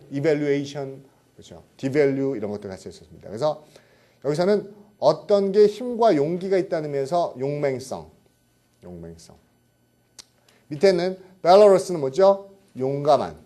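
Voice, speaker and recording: Middle-aged guy lecturing on vocab, bouncy up-and-down voice, keeps checking in w/ the class. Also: fairly high pitch. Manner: animated, repeats words and checks with "그쵸?".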